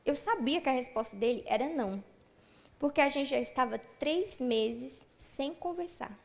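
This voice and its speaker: Young woman, church testimony, high-pitched, gravelly, lively storytelling, acts out dialogue. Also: moderate pace. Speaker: church member giving a testimony. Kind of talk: personal testimony told to a church audience.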